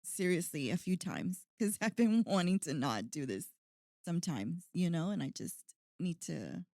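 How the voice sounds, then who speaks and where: A woman's voice: fairly low pitch, sing-song, moderate pace, gravelly, darkish tone, dry recording, clean studio sound. A woman in her forties hosting a podcast, talking in a chatty, earnest way with plenty of "like" and "you know". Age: 40s. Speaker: podcast host. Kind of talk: casual podcast chat.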